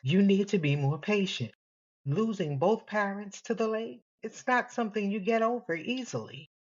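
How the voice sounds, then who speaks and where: A woman's voice: medium pitch, moderate pace, a little mellow, breathy edge, dull audio, pitched above the performer's own voice, lightly acted. A woman voicing a grieving, caring adult woman with an urgent, pleading manner in an audio story. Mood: earnest.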